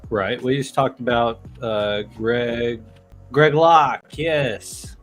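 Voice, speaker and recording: Man, co-host, casual podcast talk, slow delivery, restarts and gropes for words, faint music underneath. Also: medium pitch, fairly even intonation. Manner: loose, searching for words, restarts.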